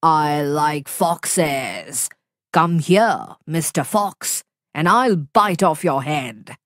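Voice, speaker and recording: A woman voicing a big, hungry, boastful male tiger in a storybook reading, gruff, slow and menacing. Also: sits low, expressive, a bit bright, no room sound, studio quality, voice pushed down, full character voice.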